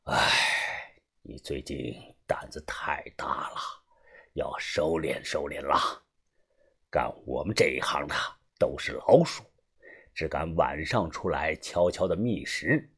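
A man voicing an older, cautious gang boss in an audiobook, speaking low and often in a hushed whisper. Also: slow, breathy edge, exaggerated voice. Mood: scolding. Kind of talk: audiobook character voice.

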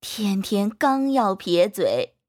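A woman narrating a children's storybook in a gentle, expressive way. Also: medium pitch, slow pace.

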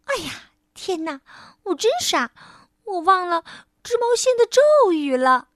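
A woman voicing an excitable little boy mouse in a children's storybook, with squeaky, eager exclamations. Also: unhurried, no room sound, clean studio sound, full character voice. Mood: excited.

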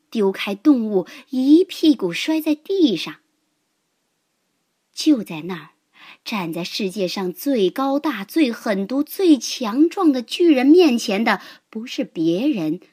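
A woman narrating a children's fable in an expressive, unhurried storytelling voice. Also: a little high, breathy edge.

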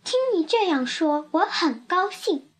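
Storybook figure, tiny old woman, shrill, flustered, shrieking, very high. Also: lively intonation, unhurried. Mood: pleased.

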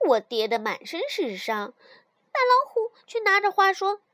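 Woman, storyteller, children's story, expressive, sighing, high voice, dry close sound. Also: normal speed, no echo. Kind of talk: first-person children's story narration.

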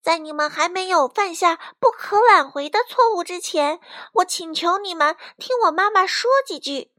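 A woman voicing a curious, lively young hen in a storybook, eager and wondering. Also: very high voice, moderate pace, voice pushed up.

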